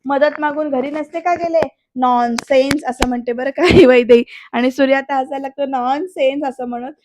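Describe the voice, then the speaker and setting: A woman's voice: sits high, steady tone, brisk, a little mellow, slight background noise. A woman narrating a voice-over recap of a TV serial episode. She talks straight to the viewers and reads the characters' lines aloud, mostly plainly. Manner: retells scenes, addressing viewers directly.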